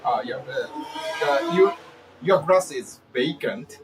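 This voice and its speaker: A man joining a casual lesson, speaking haltingly as he searches for his words. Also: on the high side, lively intonation, distant mic, noisy background. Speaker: guest co-host.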